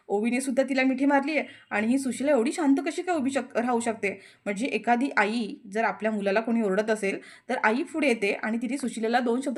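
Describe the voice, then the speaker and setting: A young woman telling a TV serial's story as a chatty voice-over recap, talking to listeners like friends. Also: fairly high pitch.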